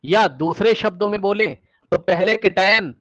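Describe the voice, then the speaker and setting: High-voiced, energetic male teacher. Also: normal speed, no echo, highs cut off. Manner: energetic, keeps checking with "ठीक?" and coaxing answers. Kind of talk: classroom chemistry lecture.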